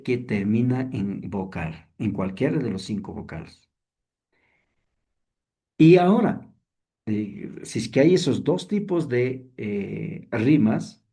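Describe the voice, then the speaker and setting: Slow, lively male seminary teacher. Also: mid-range voice, husky. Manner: explains slowly with frequent rhetorical questions. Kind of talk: online class lecture on songwriting.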